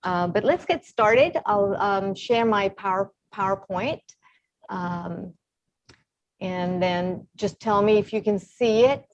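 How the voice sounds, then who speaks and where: A middle-aged woman from Zambia, an Ayurvedic consultant, giving a relaxed talk full of ums over a video call. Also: medium pitch, slow pace, no room sound. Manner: relaxed, many ums, explanatory. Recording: slightly dull video call audio.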